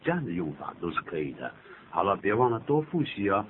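A man with a lowish voice hosts a radio English lesson. His explanations rise and fall in a very animated way as he coaches a partner through phrases. The sound is thin and phone-like, with a faint hiss behind it. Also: fast talker. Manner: lively explaining, prompting partner to repeat phrases. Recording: narrow lo-fi radio broadcast sound.

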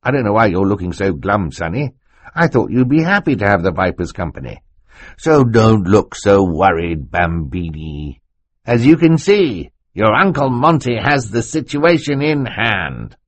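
Guy putting on a fussy excited old snake scientist, voice bouncing up high, a bit husky. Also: dry recording. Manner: excited and fussy, talking fast over others. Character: excitable eccentric older male snake scientist. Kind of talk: audiobook character voice.

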